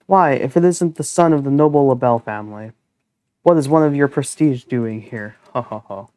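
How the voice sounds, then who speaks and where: A man voicing a sinister, scheming male bird doctor who speaks with calm, smug menace. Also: mid-range voice, normal speed, no echo, clean studio sound, close to an everyday voice.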